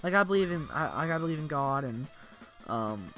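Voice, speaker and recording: A man's voice: on the high side, lively intonation, brisk, bright, forceful tone. A tired young man rambling in casual commentary while playing a video game, filling his talk with "like". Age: young adult. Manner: rambling, tired, says "like" constantly. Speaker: let's play commentator. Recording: game music playing behind.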